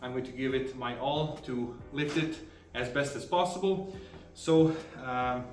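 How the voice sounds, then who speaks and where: A man's voice: mid-range voice, a little slow. Brief: man, casual training vlog, breezy explainer with fillers, now and then winded, echoey room. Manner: breezy, explaining exercises between sets with many fillers. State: out of breath at times. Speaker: arm wrestler filming his training. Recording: roomy sound from a far camera, faint music.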